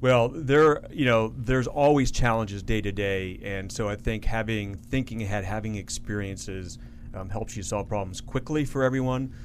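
A man's voice: lowish voice, steady tone, moderate pace, slight background noise. A man being interviewed as a guest on a radio show, talking at length in an earnest, self-correcting way. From Florida, United States. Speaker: guest, association CEO.

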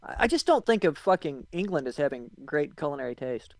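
A man's voice: fairly high pitch, sing-song, a little fast, vocal fry, no room sound. A man joining a podcast as a guest, blunt and swearing freely in casual chat.

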